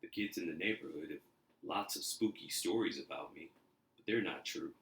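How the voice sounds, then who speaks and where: Gentle old man next door, acted by a male reader, storybook character, low voice, roomy space. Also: normal speed. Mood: gentle, reassuring.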